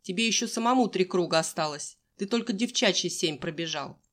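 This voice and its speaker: A woman's voice: fairly low pitch, lively intonation, fairly quick, a bit bright. A woman voicing a stern male gym teacher who barks curt orders, in an audiobook.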